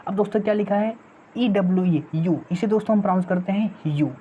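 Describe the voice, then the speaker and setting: A woman's voice: mid-range voice, fast talker. A woman teaching English grammar in an online exam-prep lesson, often asking the viewers rhetorical questions and repeating her points. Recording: dull lo-fi sound with faint noise.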